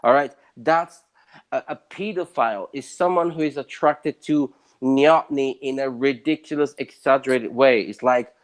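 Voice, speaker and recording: A man, originally from Southern Italy, speaks as an interview guest. He argues his points with emphasis, his voice jumping up in pitch and loudness when he presses a point. His voice sits at an ordinary middle pitch. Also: normal speed. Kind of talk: casual conversational interview.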